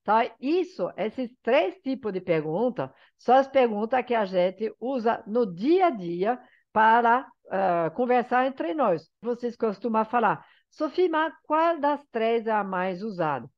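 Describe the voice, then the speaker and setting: A woman's voice: a little high, lively intonation, unhurried. A woman who is a teacher giving an online lesson, explaining patiently and often checking that her students follow. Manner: explanatory, checks understanding with frequent "tá?". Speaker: French teacher. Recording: slightly dull lo-fi sound.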